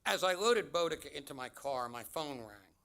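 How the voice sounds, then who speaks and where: A man giving a commencement address, telling a personal story in a measured, deliberate way with dramatic pauses. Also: a little high, expressive, sharp tone. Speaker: commencement speaker.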